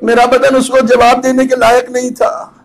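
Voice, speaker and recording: A man delivering a Muharram majlis sermon as a cleric, impassioned, chanting Arabic phrases slowly and swelling to loud cries. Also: very high voice, completely flat delivery, gravelly.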